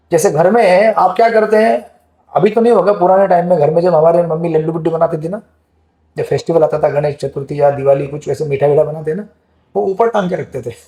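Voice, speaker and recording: High-voiced man teaching scripture in a hall. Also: warm tone. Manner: conversational, asks the audience questions. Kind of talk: Gita class lecture. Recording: echoey hall.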